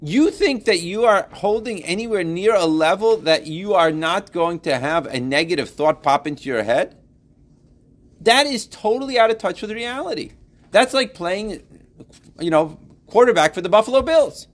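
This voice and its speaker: A man teaching a class, lively and playful, building to emphatic points with everyday examples. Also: sits high, moderate pace. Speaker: Torah teacher. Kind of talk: classroom lesson.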